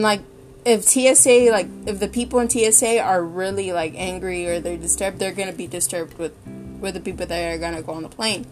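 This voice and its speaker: A young woman telling a work story in a casual, chatty, exasperated way, full of fillers. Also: medium pitch.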